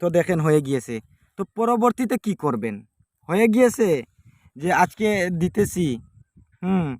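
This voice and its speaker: A man giving step-by-step ritual instructions in a halting, repetitive way, recorded indoors without a microphone. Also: sits high, very animated, darkish tone, no echo, studio quality. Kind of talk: step-by-step spoken demonstration. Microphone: no microphone, device's built-in mic.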